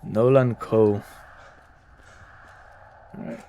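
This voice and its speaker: Creaky-voiced man commenting over a game. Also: on the low side, fairly even intonation, drawn-out words, dark tone. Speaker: game streamer. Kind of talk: casual gameplay commentary.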